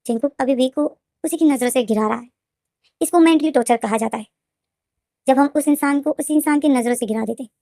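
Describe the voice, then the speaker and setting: A woman retells a fan fiction story in a casual, quick, looping way, repeating herself and restarting sentences. Her voice is slightly high and mellow. The recording is dry and close. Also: no echo. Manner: fast, repetitive, restarting retelling.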